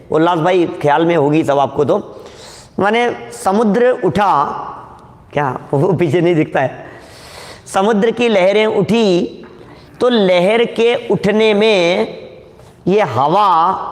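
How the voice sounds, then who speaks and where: A man with a fairly high voice gives a scripture discourse to a gathered audience. He explains each point patiently and keeps turning questions back to his listeners, his words trailing into a long hall reverb. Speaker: scripture teacher.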